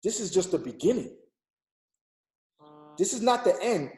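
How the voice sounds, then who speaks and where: A man's voice: sits high, sing-song, a little slow, a little mellow, roomy sound. A man in his thirties giving an emphatic, repetitive motivational talk on a group call, urging listeners like a preacher. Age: 30s. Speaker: motivational speaker.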